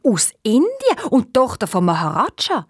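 A woman with a Swiss German accent voicing an excitable male stork who serves as grand vizier and asks eager questions. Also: medium pitch, moderate pace, no room sound, clean studio sound. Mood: excited.

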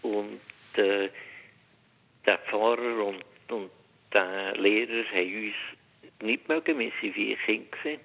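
An older man in his sixties with a Biel-Solothurn Swiss German accent calls in to a radio show. His low, gravelly voice comes haltingly, full of pauses. The line sounds muffled and dull, with a long reverb trailing behind him. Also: fairly bright tone. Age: 60s. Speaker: radio caller. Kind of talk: telling his story on a call-in show.

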